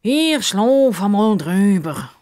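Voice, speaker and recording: A storyteller voicing a boastful, condescending male crocodile in a slow, drawn-out, lofty way. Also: medium pitch, animated, mellow, pitched above the performer's own voice. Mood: drowsy, patronizing.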